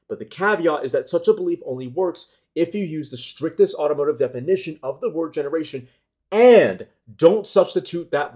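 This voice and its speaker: A man reading his own analytical essay aloud as a car enthusiast, careful and argumentative, pausing to correct small slips. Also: fairly high pitch, warm tone.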